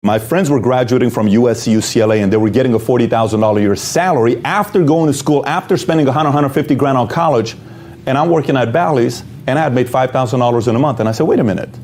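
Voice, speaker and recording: Mellow-voiced man asking rhetorical questions. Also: mid-range voice, fast. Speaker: motivational speaker. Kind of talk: motivational talk.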